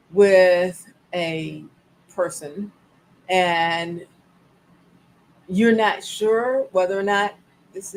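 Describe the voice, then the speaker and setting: She's sixty and running a wellness live stream, chatting to viewers animatedly, laughing often and going over the same phrases again. Her voice is medium-pitched. A live-stream mic picks her up in low quality, with slight background noise.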